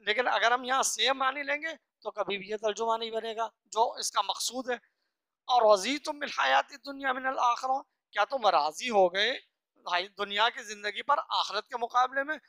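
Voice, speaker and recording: An earnest teacher working through a scripture lesson verse by verse, reciting each phrase slowly before unpacking it. The voice sits at an ordinary middle pitch and sounds close and dry, with no room around it. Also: pushed and bright, no room sound. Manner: earnest, instructive, asks and answers own questions. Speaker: religious teacher.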